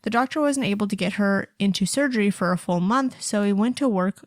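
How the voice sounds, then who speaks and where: A woman's voice: mid-range voice, brisk, dry recording. Woman co-host, casual and chatty, reads listener stories; dry, close mic. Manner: chatty, laughs often, many fillers. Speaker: podcast co-host.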